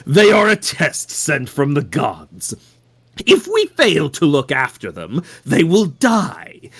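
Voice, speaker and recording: A man voicing a devout video game villain, speaking slowly with theatrical menace and formal solemnity. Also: fairly high pitch, creaky, fairly bright tone, exaggerated voice. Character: slow, menacing, devout male villain obsessed with gods. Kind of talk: dramatic video game character read-aloud.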